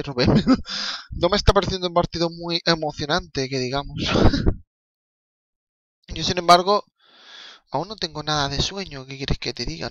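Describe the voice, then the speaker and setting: Young guy streaming a footy game, rambly and hyped, bright sharp voice, dry close mic. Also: a little high, no echo. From Canary Islands. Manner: rambling, excitable, swearing, laughing asides. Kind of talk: casual live-stream commentary.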